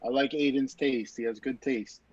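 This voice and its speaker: A man's voice: medium pitch, moderate pace, dull audio. A man co-hosting a casual baseball podcast, teasing his friends dryly and calling the game in mock play-by-play. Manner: dry teasing, deadpan play-by-play. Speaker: podcast co-host. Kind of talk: casual watch-party chat with mock play-by-play.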